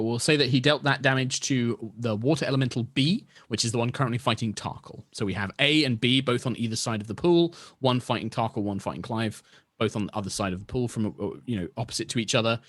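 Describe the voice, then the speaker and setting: A man's voice: on the low side, quick pace, a bit bright, no room sound, clean studio sound. A man narrating a tabletop fantasy game as game master in a descriptive, conversational way.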